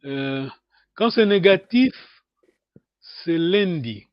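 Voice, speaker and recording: A man teaching a language lesson over a video call, patient and hesitant, with many pauses and fillers. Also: on the high side, expressive, lo-fi sound.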